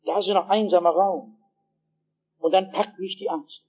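A man, a pastor, preaching an evangelistic sermon with personal anecdotes, telling them dramatically and swinging from hushed tones to shouts while he speaks straight to his listeners. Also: high voice, steady tone, a little slow, breathy edge, phone-quality sound. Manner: addresses the audience directly with asides.

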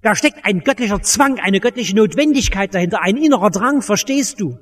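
A man with a high, animated voice preaches an evangelistic sermon at a fairly quick pace, urgent and commanding, repeating points for emphasis. The church hall around him is echoey.

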